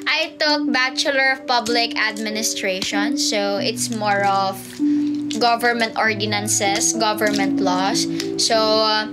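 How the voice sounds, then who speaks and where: A playful woman in her twenties with a Filipino accent, chatting casually on a livestream and answering viewer comments with jokes. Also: fairly high pitch. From Philippines. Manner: playful and joking, mixes Tagalog and English.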